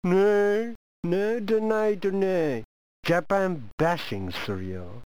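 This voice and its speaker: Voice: medium pitch, a little slow, a little mellow, smooth, natural voice. A comedian performing a pushy, teasing foreign envoy who badgers the audience with questions in a comic monologue. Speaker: stand-up comedian.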